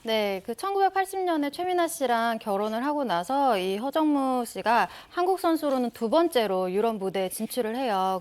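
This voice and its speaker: Clear, informative woman panelist. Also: fairly high pitch. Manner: steady, informative, explains background clearly. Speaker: talk show panelist. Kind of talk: explanatory studio talk.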